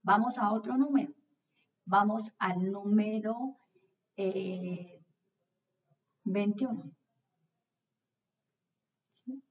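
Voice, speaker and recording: A woman's voice: medium pitch, extremely slow, pauses often. Woman teaching children, distant dull recording. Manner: didactic, asks questions and answers them herself; repeats key rules step by step. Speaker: math teacher presenting a video lesson. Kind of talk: instructional lesson for children. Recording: distant mic, slightly dull lo-fi sound.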